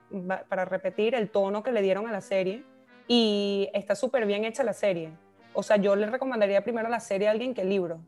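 A woman's voice: mid-range voice, darkish tone. A woman co-hosting a podcast, talking casually and laughing at her own slips. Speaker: podcast co-host. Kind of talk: casual chat.

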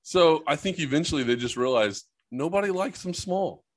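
A man's voice: a little high, expressive, normal speed, no room sound. A man co-hosting a crude, casual sports podcast, joking and laughing often and swearing freely. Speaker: podcast co-host.

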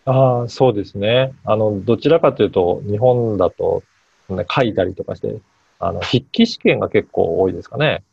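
A man hosting a podcast interview, asking questions briskly and nodding along with short replies. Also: lowish voice, creaky, husky. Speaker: podcast host. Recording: dull lo-fi sound with faint music.

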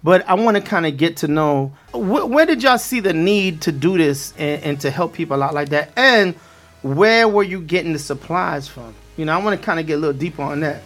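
A man with a Brooklyn accent hosting a lively community talk show, speaking colloquially and repeating phrases for emphasis. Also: fairly high pitch, a little fast.

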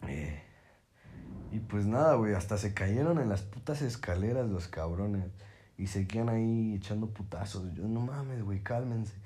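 A man's voice: normal speed, husky. Slangy young Mexican guy telling a story. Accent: Mexican Spanish. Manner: slangy, profane, fillers constantly; animated, pitch jumping when excited. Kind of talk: casual storytelling.

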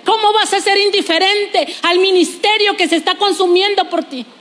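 A woman's voice: very high-pitched, steady tone, moderate pace, fairly bright tone, in a large hall. A woman pastor, preaching a sermon that mixes personal testimony with playful asides.

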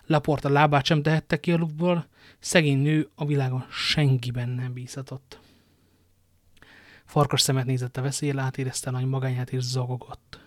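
A man's voice: medium pitch, flat delivery, no echo. Man reading a story, dry close sound. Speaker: narrator. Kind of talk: audiobook reading.

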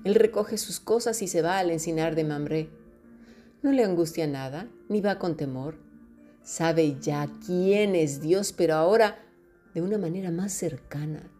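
Female preacher, low mellow voice, direct and teasing, soft music under. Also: a little slow. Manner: addresses listeners directly, mocks fearful voices. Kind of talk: sermon.

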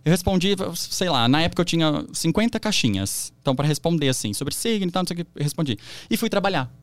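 A man's voice: fairly high pitch, animated, fast talker, dry recording. A young adult man with a Brazilian Portuguese accent, chatting as a podcast guest and telling stories with lots of fillers and restarts. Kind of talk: casual interview chat.

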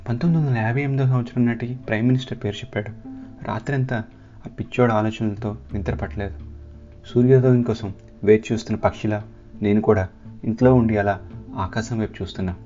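A man's voice: fairly low pitch, fairly even intonation, brisk, long pauses. A man hosting a podcast, narrating his own story in the first person with earnest, vivid telling. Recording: slightly dull, soft guitar behind.

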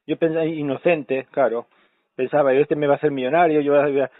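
A man's voice: a little high, steady tone, quick pace, no echo, natural voice. A man playing a rambling, self-important, self-pitying fake doctor on a prank phone call, heard over a tinny phone line.

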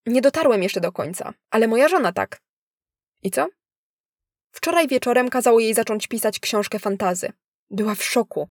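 A woman's voice: on the high side, normal speed, no room sound, studio quality. A woman voicing a talkative middle-aged father who is hooked on phone apps, speaking eagerly. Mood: chatty.

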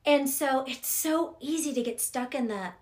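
A middle-aged woman chatting as a podcast guest, expressive and lively as she acts out her own thoughts. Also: high-pitched, moderate pace. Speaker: podcast guest, professional coach. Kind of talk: casual conversation.

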